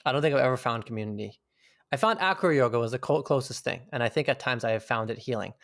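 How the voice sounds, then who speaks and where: Quick and creaky, a man with a mid-range voice speaks as a guest in a reflective conversational interview. The recording is dry and clean, studio-style. He sounds thoughtful and searching and swears casually at times.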